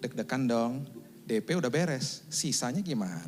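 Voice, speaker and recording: A male pastor giving a sermon testimony, telling his story in a lively way and acting out the dialogue. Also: mid-range voice, normal speed.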